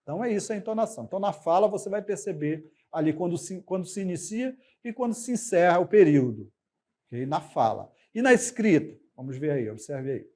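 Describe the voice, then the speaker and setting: Brazilian male teacher, fairly high mellow voice, patient explainer who pauses on fillers and checks in with "ok?". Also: lively intonation. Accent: Brazilian Portuguese. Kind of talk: recorded classroom lesson.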